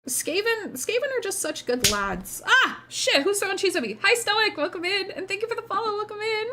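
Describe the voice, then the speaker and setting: A woman livestream host chatting casually with viewers in a cute, bubbly anime-streamer manner, excitable and gushing, with casual swearing. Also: extremely high pitch, normal speed, background noise.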